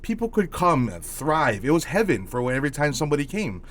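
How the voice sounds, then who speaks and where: A man's voice: fairly high pitch, sing-song, quick pace, a little hiss or hum. A man from Hawaii with a Hawaiian accent, co-hosting a casual podcast, talking passionately and swearing freely. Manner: passionate, heated, swears freely, keeps asking "you know what I mean". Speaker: podcast co-host.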